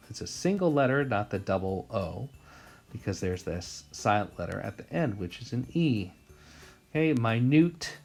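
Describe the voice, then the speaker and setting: A man's voice: mid-range voice, vocal fry. An American man teaching a spelling lesson, sounding out words piece by piece and asking questions as he goes. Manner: sounds out words slowly, asks rhetorical questions.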